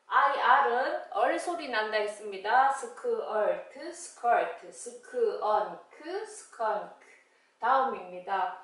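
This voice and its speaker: Slow, echoey woman teaching phonics. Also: fairly high pitch, animated, fairly bright tone, recorded from a distance. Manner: drawn-out, syllable-by-syllable sounding out of words. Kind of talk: slow instructional phonics lesson. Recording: very echoey room, voice a bit off-mic.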